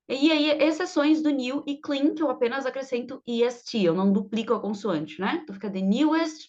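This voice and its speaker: A woman teaching English grammar, explaining rules patiently and reading example sentences slowly, with many fillers. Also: on the high side, muffled recording.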